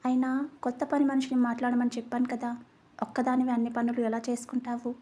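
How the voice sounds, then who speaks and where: A patient husband in a narrated story, as a woman puts him on speaks gently and consoles his wife. The voice is mellow and breathy. It moves little in pitch. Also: monotone, fast talker, lightly acted. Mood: gentle. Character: caring middle-aged husband, patient and gentle.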